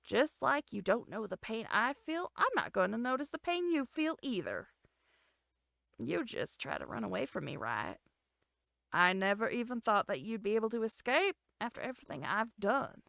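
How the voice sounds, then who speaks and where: Woman voicing a menacing young man, game voice acting, low quiet voice, gravelly, dry close mic. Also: very animated, normal speed, no echo, heavily acted. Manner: cold, possessive and threatening.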